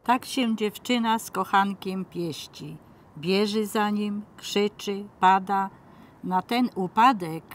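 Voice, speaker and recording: A woman, a local resident, narrating a ballad with steady delivery. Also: mid-range voice, a little hiss or hum. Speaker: resident reader. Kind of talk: poetry narration.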